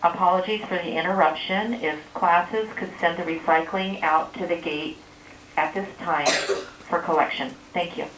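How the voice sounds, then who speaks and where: A woman making a polite, formal announcement over a school loudspeaker. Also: fairly low pitch, steady tone, normal speed. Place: school classroom, heard through a PA speaker. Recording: echoey, distant, noisy PA speaker.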